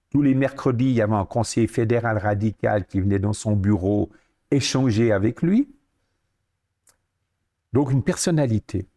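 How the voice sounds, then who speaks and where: A man in his sixties with a Swiss French accent, a podcast guest telling lively anecdotes and acting out the dialogue he quotes. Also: fairly low pitch. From Switzerland. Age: 60s. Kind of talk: storytelling interview.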